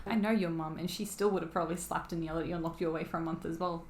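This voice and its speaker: A woman's voice: lowish voice, steady tone, very fast. A woman in her twenties with an Australian accent, co-hosting a podcast in casual chat, reacting with laughs and exclamations. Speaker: podcast co-host. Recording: roomy room sound.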